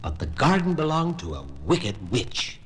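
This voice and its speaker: A man narrating a fairy tale on a vintage children's record in an expressive storytelling voice. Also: mid-range voice, a little slow, a little hiss or hum, low-quality recording.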